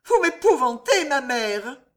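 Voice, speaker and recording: An anxious young daughter in an audiobook, voiced by a woman reader speaks in a high, pleading tone. Her lines rise and fall a lot, with a slow, emotional delivery. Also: very animated. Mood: frightened. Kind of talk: audiobook character voice.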